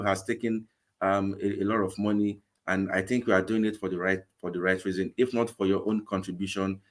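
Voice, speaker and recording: A man's voice: lowish voice, a bit bright. A man in his forties with a Nigerian English accent, a guest in a live video-call interview, talking earnestly and often repeating words. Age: 40s. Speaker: guest, vegan campaign organizer.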